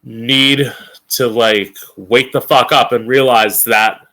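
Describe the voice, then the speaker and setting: Male podcast host, campy drag queen: slow, mid-pitched delivery, blunt, emphatic opinions, sweary and informal. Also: fairly even intonation, bright, forceful tone.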